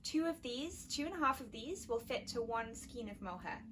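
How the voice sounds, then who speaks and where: Higher-voiced woman explaining knitting tips. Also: expressive, moderate pace, a little hiss or hum. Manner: practical, explanatory, warm agreement. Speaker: podcast co-host, yarn shop owner. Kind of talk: casual chat.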